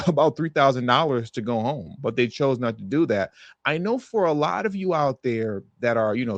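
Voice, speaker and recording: A man's voice: medium pitch, no room sound. A man hosting an opinion commentary on news clips, emphatic, repeating his points and acting out quotes. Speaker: commentary host.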